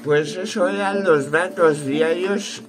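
A man's voice: high voice, music in the background. A man in his thirties with a Peninsular Spanish accent, chatting casually and thinking aloud in a colloquial, rambling vlog style. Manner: unhurried, thinking aloud, colloquial with mild swearing. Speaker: vlogger. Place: small cluttered room at home, indoors.

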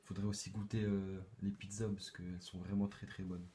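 A man talking off camera to a friend, soft-spoken and calm, picked up from a distance by the phone. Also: low voice, a little fast.

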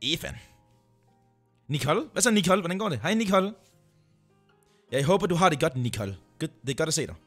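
With soft music in the background, a man whose voice sits on the high side hosts a livestream at a quick pace, pausing often. He greets viewers casually, excitable and joking, and frequently repeats himself.

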